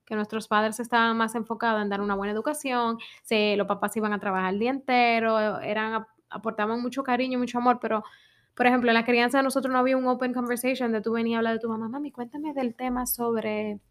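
A woman in her thirties co-hosting a casual podcast chat. She talks in a reflective, measured way and often chimes in to agree. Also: a little high, flat delivery. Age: 30s. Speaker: podcast co-host.

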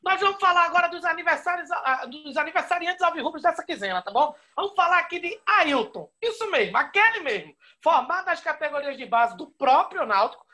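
Female co-host for a football history show, high and bright voice, conversational presenting. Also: lively intonation, fairly quick, hardly any pauses. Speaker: podcast co-host. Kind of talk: sports history talk.

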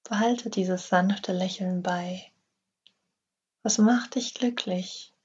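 A woman leads a guided relaxation in a very breathy, husky half-whisper. She speaks slowly and gently, with a gravelly fry at the ends of her phrases. The recording sounds slightly dull. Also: medium pitch, fairly even intonation. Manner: slow, soft, half-whispered instructions. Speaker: yoga nidra guide.

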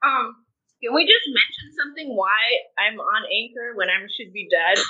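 A woman's voice: a little high, lively intonation, moderate pace, slightly rough, muffled recording. A young woman as a podcast guest, hesitant and giggly, with many ums. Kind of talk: casual podcast chat.

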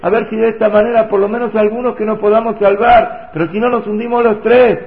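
A man's voice: high voice, little pitch movement, fast talker, creaky, pitched above the performer's own voice. A man voicing a desperate father pleading tearfully with his child, in a sing-song cadence. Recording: echoey, tinny phone-like audio.

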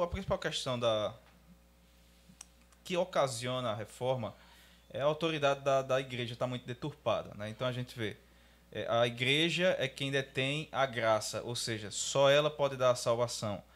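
A man giving a measured, lecture-like explanation in a casual panel discussion. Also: mid-range voice, fairly bright tone. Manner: measured, lecturing on church history.

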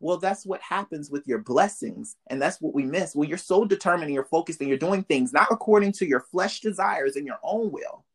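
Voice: mid-range voice, lively intonation, brisk, hardly any pauses, slightly rough. A podcast host giving uplifting, faith-tinged encouragement in casual slang, speaking straight to the listeners. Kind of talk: motivational interview talk.

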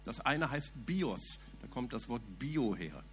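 A man's voice: medium pitch, big pitch swings, slow, fairly bright tone, faint music behind. A man preaching a sermon in an earnest, emphatic way, asking the listeners rhetorical questions.

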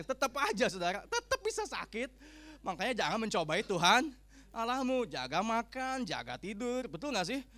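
A man preaching, his voice sitting high and swinging widely in pitch. He jokes with the congregation and slips into character to act out what people say. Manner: humorous, animated, acts out quoted speech. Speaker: pastor. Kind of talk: sermon.

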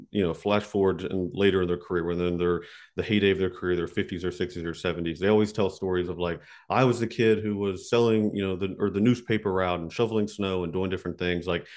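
A man's voice: deep voice, a little mellow. A man hosting an interview, asking long rambling questions with many restarts. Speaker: interview host.

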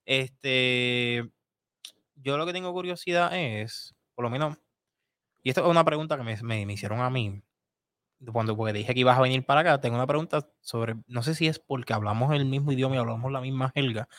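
A man's voice: mid-range voice, brisk, a bit bright, no echo. Puerto Rican man, mid voice, dry mic, casual rambling podcast host. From Puerto Rico. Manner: rambling, casual slang questions. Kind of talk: casual interview.

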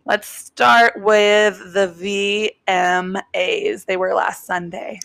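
A slightly hoarse young woman co-hosting a gossip podcast, enthusiastic and steering the topics. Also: medium pitch, fairly even intonation, drawn-out words, a bit bright. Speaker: podcast co-host. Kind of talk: casual chat.

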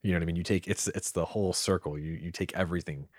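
A man's voice: low voice, fairly even intonation, quick pace, no room sound, studio quality. A man chatting casually and enthusiastically in a laid-back bro manner, peppering his talk with dude, man and like.

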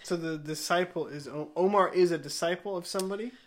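Curious, higher-voiced man asking questions. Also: fast talker. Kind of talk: casual chat.

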